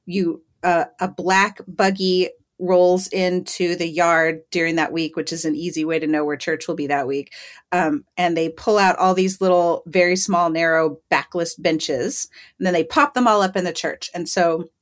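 A young woman guest chatting casually on a podcast, telling lively anecdotes and laughing often. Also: lowish voice, normal speed. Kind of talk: casual storytelling chat.

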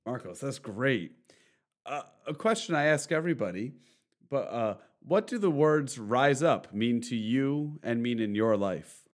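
A man hosting an interview, asking questions and warmly thanking his guest. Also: medium pitch, expressive, unhurried. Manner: encouraging, appreciative. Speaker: host.

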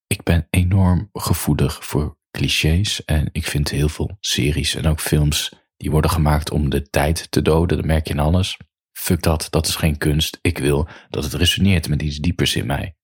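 A man with an extremely deep voice talks to his listeners in an unhurried, musing monologue. His tone is breathy and husky throughout, and he also reads a story aloud. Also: fairly even intonation, dry recording, clean studio sound. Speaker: podcaster. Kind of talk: reflective monologue, then reading a story aloud.

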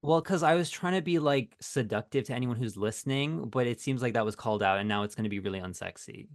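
A man's voice: medium pitch, quick pace, no echo, clean studio sound. A man as a podcast guest, chatting casually in a teasing, mock-sincere way.

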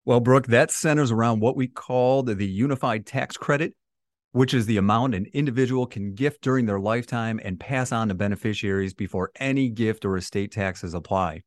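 A man's voice: medium pitch, brisk, no room sound, studio quality. A man co-hosting a podcast as a financial advisor, giving prepared explanations.

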